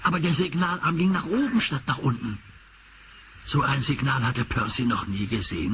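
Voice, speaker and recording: A man giving scripted, expressive storybook narration for a children's show. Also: mid-range voice, background noise.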